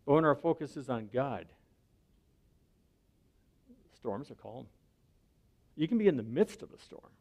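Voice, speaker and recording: A man's voice: medium pitch, sing-song, unhurried, pauses often, a little mellow. A man giving a sermon as a pastor, speaking in a conversational way and often checking in with the listener. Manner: conversational preaching, often asks the listener "right?".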